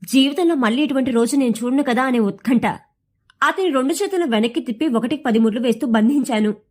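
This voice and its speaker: A woman with a high, light voice reads a dark first-person story aloud. Her telling is expressive and tense, pulling the listener through each anxious moment of the tale. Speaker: audio story narrator. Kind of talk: dramatic storytelling reading.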